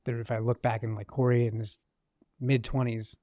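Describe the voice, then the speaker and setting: A man's voice: mid-range voice, flat delivery, normal speed, mellow, no echo, clean studio sound. Man in his late thirties co-hosting a faith chat. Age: late 30s. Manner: conversational, many likes and restarts. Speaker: podcast co-host.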